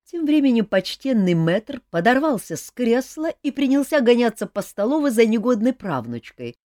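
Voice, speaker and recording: A woman narrating a fantasy audiobook with lively, expressive storytelling. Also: medium pitch, no room sound, studio quality.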